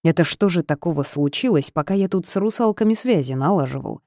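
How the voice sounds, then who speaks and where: Woman doing a sly gluttonous forest creature guy, teasing, low-ish mellow voice. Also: expressive, brisk, no echo, clean studio sound.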